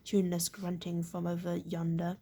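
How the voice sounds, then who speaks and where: Brief: a woman doing a relaxed, friendly nobleman in a read-aloud storybook, gravelly low voice. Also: normal speed. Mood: easy. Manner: easy, friendly. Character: easygoing baron, man.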